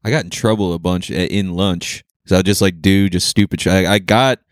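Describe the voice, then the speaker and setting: A man's voice: deep voice, steady tone, fairly quick, no room sound, clean studio sound. A young man telling rambling, profane stories in casual podcast chat. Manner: rambling, profane storytelling with laughs. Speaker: podcast co-host.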